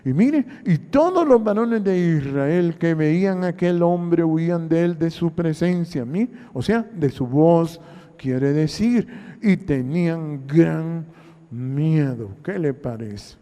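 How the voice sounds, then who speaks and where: A man's voice: fairly high pitch, animated, slow, dark tone, big-room sound. A man from Honduras with a Honduran accent, a pastor preaching a sermon, constantly saying "mire" and acting out Bible dialogue. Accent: Honduran Spanish.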